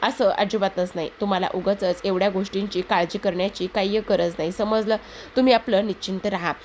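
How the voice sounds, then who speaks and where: A woman's voice: medium pitch, fairly even intonation, fairly quick, darkish tone, a little hiss or hum, natural voice. A woman voicing an anxious, fretful middle-aged mother-in-law in a serial recap. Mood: pleading.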